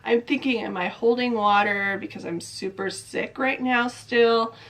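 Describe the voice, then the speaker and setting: A young adult woman congested from a cold chats casually in a diet vlog, rambling through her thoughts and questioning herself. Her voice is on the high side, a bit bright, steady in tone and measured in pace, though stuffy.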